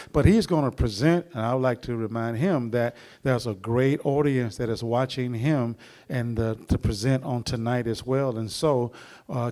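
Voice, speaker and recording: A middle-aged man with a medium-pitched, slightly mellow voice hosts a church seminar. He introduces the speaker in a rambling, preacherly manner full of pauses.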